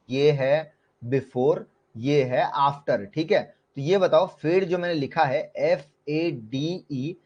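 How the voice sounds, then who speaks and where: A man's voice: sits high, a little mellow, highs cut off. A man with an Indian accent teaching a live online class, explaining in Hindi mixed with English terms and putting frequent questions to his students. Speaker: shorthand teacher.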